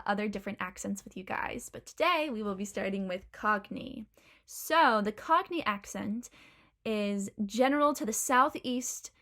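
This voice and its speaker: A woman's voice: medium pitch, a bit bright. A young woman hosting a casual video tutorial, explaining pronunciation step by step with examples and frequent ums. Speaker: host teaching accents.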